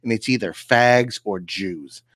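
A man's voice: lowish voice, a little slow, fairly bright tone, dry recording, studio quality. A man co-hosting a podcast, ranting heatedly in casual banter and laughing often. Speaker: podcast co-host.

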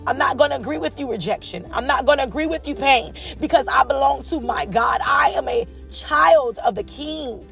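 A woman hosting a personal faith podcast, speaking softly and hesitantly, then rising into fervent preaching. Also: high-pitched, moderate pace, vocal fry, few pauses, music in the background. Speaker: podcast host.

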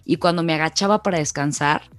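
A woman's voice: deep voice, quick pace, no echo, soft background music. A young Mexican woman co-hosting a podcast, telling a personal story in a chatty casual way. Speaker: podcast co-host. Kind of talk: casual chat.

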